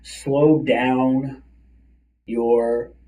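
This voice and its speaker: A middle-aged man, talking fast and chatty as a career coach hosting a livestream from his office. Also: medium pitch, flat delivery, warm tone, slight background noise. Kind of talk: casual livestream coaching talk. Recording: distant mic, slightly far-off sound.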